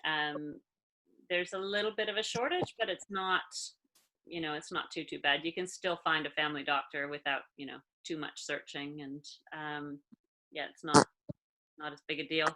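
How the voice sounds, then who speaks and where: A woman's voice: deep voice, fairly even intonation, moderate pace, sharp tone, poor audio. A woman with a Maritime Canadian accent, chatting casually as an interview guest. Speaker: interview guest, emergency doctor and musician.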